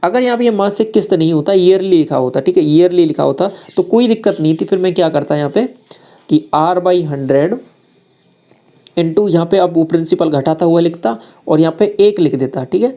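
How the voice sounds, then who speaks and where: Mellow-voiced male maths teacher explaining steps. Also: fairly high pitch, expressive, fairly quick. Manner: talks students through each step, asks them questions and answers in their voice. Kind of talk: explaining exam maths problems to students.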